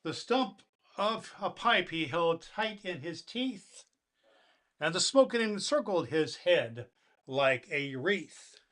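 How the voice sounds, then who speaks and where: A man playing jolly old Santa Claus as a kindly grandfatherly storyteller, reading to children with deliberate, theatrical emphasis. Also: fairly high pitch, expressive, a bit bright. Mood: merry, dramatic.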